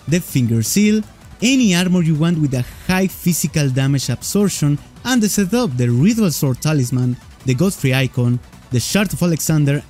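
A young man giving excited, exclamatory gameplay commentary as a streamer, speaking into a desk microphone in an indoor room. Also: a little high. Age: young adult. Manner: exuberant, exclamatory. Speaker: gaming streamer. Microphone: desk microphone close to mouth.

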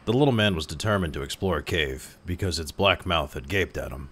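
A man calmly reading a classic short story aloud as narrator. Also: low-pitched, fairly quick. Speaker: story reader.

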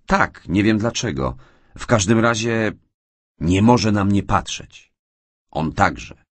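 A man reading an audiobook and voicing a shy, tearful young orphaned woman in a raised, soft voice. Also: fairly low pitch, lively intonation, slow, no echo, pitched above the performer's own voice. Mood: hurt, tearful.

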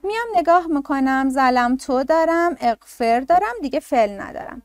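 High-voiced teacher explaining step by step. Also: female voice, animated, darkish tone, no echo. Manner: explains step by step, asks and answers own questions. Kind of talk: classroom grammar lesson.

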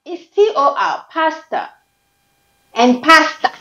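A Ghanaian-accented woman trades jokey arguments over pronunciation. Her voice is high and full of sweeping pitch jumps. She disputes every word with a laugh close behind. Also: lively intonation, slow, vocal fry, pushed and bright, highs cut off. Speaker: guest. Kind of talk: playful accent challenge banter.

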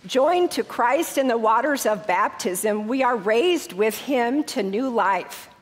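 In a large church sanctuary with a long, echoing reverb, a woman pastor with a head cold sounds congested. Her fairly high, expressive voice moves from warm, conversational welcome announcements into a measured liturgical prayer.

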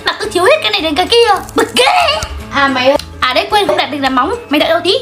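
A woman with a very high, bright-pitched voice plays every part in a comic skit. She trades quick, teasing lines. Music plays clearly behind her. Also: lively intonation, echoey room. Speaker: sketch comedian playing all parts. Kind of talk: comedy skit role-play.

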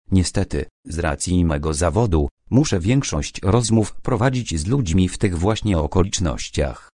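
A man voicing a courteous but firm police inspector in an audiobook, measured and by turns gentle and sharp, in a low voice. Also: no room sound, studio quality. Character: stern but courteous middle-aged male police inspector. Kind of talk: audiobook character reading.

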